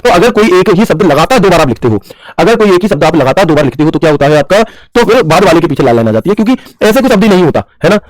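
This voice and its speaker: A man's voice: high voice, dry recording, rough recording. A man teaching a computer class who mixes English terms into his talk and keeps asking the class questions and answering them himself. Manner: mixes English terms into Hindi, calls students bhaiya. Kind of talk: screen-share tutorial lesson.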